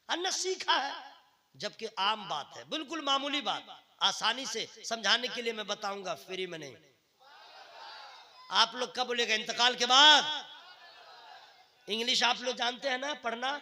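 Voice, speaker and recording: A male Islamic preacher giving a religious speech who swings from quiet teasing asides to shouted exhortation and slowly chants Quranic verses. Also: high voice. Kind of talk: Urdu-Hindi religious speech.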